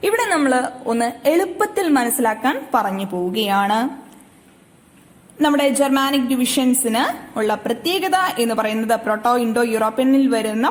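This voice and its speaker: A woman giving an online English lecture. She reads English lines slowly and then explains them. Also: a little high. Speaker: English teacher.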